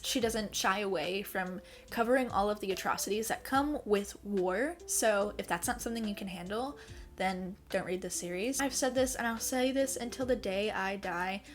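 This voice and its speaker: A young woman reviewing books in a casual vlog, expressive and dramatic, swinging between gushing and mock outrage. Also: medium pitch. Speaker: book vlogger. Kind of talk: casual book review monologue.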